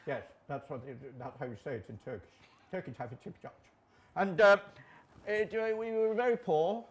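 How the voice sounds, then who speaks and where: A man's voice: a little high, moderate pace, dull audio, close to an everyday voice. A man playing boozy rambling Santa Claus. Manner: rambling, tipsy, self-mocking jokes. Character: boozy jolly old male Santa Claus. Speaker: guest on a studio chat show.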